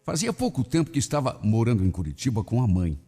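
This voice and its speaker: A male radio host reading a listener's love story aloud in an expressive, dramatic storytelling manner. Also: medium pitch, quick pace, slightly rough, long reverb tail. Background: soft background music.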